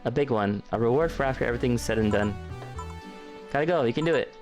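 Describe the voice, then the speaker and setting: A man voicing a calm adult woman who runs a bar, steady and encouraging. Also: medium pitch, quick pace, soft background music, lightly acted. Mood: reassuring.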